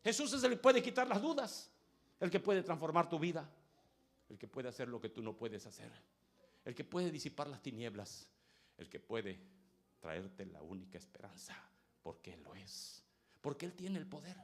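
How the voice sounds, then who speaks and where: A male pastor preaching an impassioned sermon, rising to loud peaks and dropping to hushed phrases. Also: mid-range voice, expressive, normal speed.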